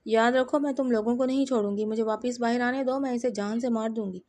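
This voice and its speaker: A woman's voice: on the high side, fairly even intonation, darkish tone, natural voice. A woman reading an audio novel and voicing a furious young woman who curses and threatens. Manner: angry, cursing.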